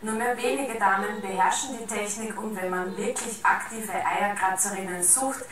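A woman's voice: medium pitch, normal speed. A woman reading a scripted television news report as a presenter. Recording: very echoey distant playback, crowd noise.

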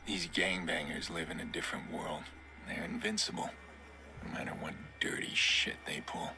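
An actor playing a grim, driven vigilante hacker in a video game, terse and hushed, with a low gravelly growl. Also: male voice, steady tone, normal speed. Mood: guarded, menacing. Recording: noisy game mix with ambience.

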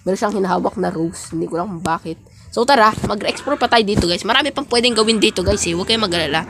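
A woman's voice: mid-range voice, fast talker, heavy background noise. A woman giving casual, playful game commentary, chatting and talking straight to her viewers. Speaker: gaming vlogger.

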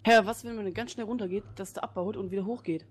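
A woman chatting casually while playing a video game with a friend, loud and complaining with plenty of swearing. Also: medium pitch, steady tone, quick pace, husky. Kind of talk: casual let's-play chat.

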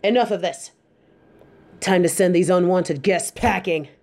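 A woman playing a stern but warm-hearted tiger kung fu master in a roleplay audio, speaking in a measured, composed way to the listener. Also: on the low side. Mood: commanding. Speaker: voice actor in a fan roleplay audio. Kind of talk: scripted roleplay addressed to the listener.

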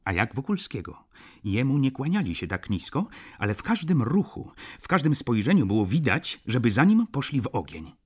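A man voicing an arrogant, touchy male shop owner in an audiobook, speaking loudly in a raised, huffy voice. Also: on the low side, very animated, slow pace, slightly rough, dry recording, clean studio sound, heavily acted. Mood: boastful.

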